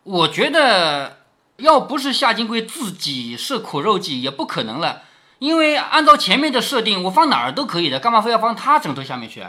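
A man's voice: high-pitched, big pitch swings, a little fast, pushed and bright. A man reading a classic novel to his daughter and explaining it in a chatty way, often checking with "right?". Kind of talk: storytelling with commentary.

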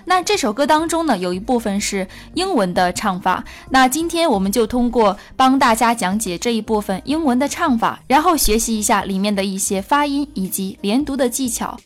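Female English teacher, patient, repeats phrases slowly, higher voice, faint music underneath. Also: animated. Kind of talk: English pronunciation lesson.

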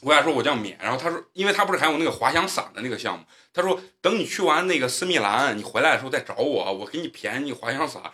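A man's voice: medium pitch, animated, racing, hardly any pauses, sharp tone. A man hosting a casual podcast, telling travel stories in a boisterous, profane, joking way. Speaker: podcast host. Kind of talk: casual storytelling chat.

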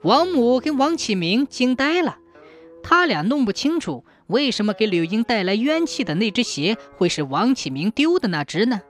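A woman telling a dramatic folk tale as a storyteller, in an expressive way. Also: moderate pace, faint music behind. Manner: expressive, sweeping pitch.

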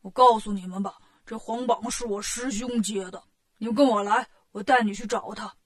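A woman's voice: mid-range voice, fairly even intonation, normal speed, pitched below the performer's own voice, lightly acted. Woman doing a whiny, indignant pig monk. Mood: grumbling. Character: greedy grumbling male pig monk.

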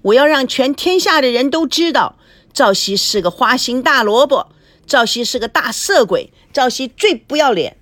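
A woman's voice: on the high side, very animated, measured pace, dry recording. A woman voicing a hot-tempered young news anchor who scolds indignantly in a storybook reading. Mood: shouting. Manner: indignant, shouting.

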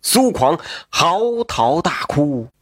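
A man narrating a traditional tale in an animated way, with asides to the listener. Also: on the high side, slow pace, husky, dry recording, studio quality. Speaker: storyteller.

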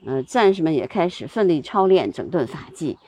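A woman hosting a relaxed talk on seasonal customs, chatty, with many fillers and small laughs. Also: low-pitched, normal speed, no room sound. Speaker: host.

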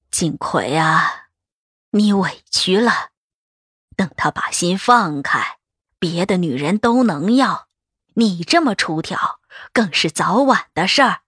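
A woman voicing a weary old grandmother in an audiobook, speaking slowly and softly with sighs. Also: lowish voice, slightly rough, dry recording, studio quality, pitched below the performer's own voice, exaggerated voice. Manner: slow, sighing, soft.

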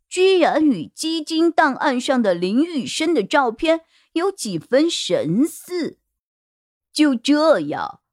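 A woman narrating a detective novel in an expressive storytelling manner. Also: on the high side, no room sound, clean studio sound. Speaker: audiobook narrator.

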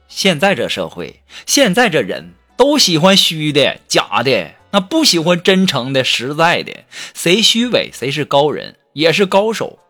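A man telling funny stories and jokes in a humorous monologue, with a playful, teasing and chatty manner. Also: a little high. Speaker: comedic storyteller. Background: background music.

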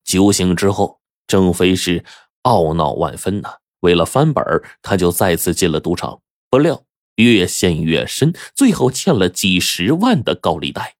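A man telling a folk tale in a lively, dramatic, folksy manner. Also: sits low, measured pace, dry recording, studio quality. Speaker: storyteller. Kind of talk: spoken storytelling.

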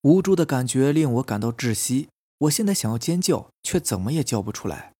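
A man calmly narrating a first-person horror story as a podcast storyteller, with a husky voice. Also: mid-range voice, a little fast, dry recording, clean studio sound. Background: faint eerie background music.

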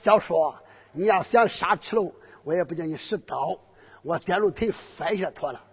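A man with a Henan accent voicing a clever young hero who speaks in a calm, measured way. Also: sits high, husky, voice pushed down. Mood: steady. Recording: echoey lo-fi hall recording.

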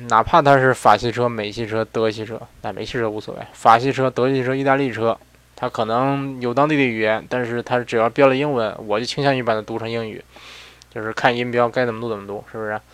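Chatty man reviewing cars, smooth dry voice. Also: mid-range voice, a bit bright, no echo. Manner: conversational, keeps asking rhetorical "right?"; self-mocking, chatty asides. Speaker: car reviewer and show host. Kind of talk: casual spoken car commentary.

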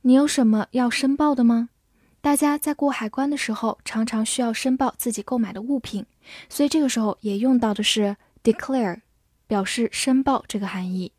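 A woman teaching English words in a scripted lesson, spelling each word letter by letter and reading example sentences slowly and clearly. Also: fairly high pitch, darkish tone, no echo, clean studio sound.

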